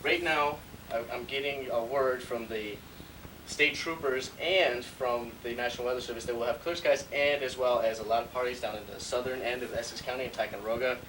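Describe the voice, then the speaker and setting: A man's voice: medium pitch, steady tone, a little fast, fairly bright tone, natural voice. A man playing a breezy, mock-serious weatherman in a parody newscast. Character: parody TV weatherman cheerfully forecasting wild teen parties. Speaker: weather presenter. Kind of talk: parody news weather report. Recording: distant mic, faint room noise.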